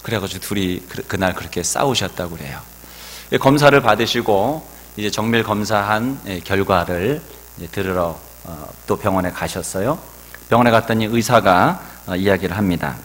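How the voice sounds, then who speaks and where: A man's voice: on the low side, normal speed, a bit bright. A male pastor preaching a sermon in a church sanctuary, telling stories and building up to emphatic exhortation. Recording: long church hall reverb.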